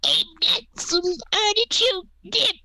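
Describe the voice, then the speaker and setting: A man putting on a squeaky, strained falsetto as the ghost of a male rock singer. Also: big pitch swings, slow pace, pushed and bright, no room sound, full character voice. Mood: screechy.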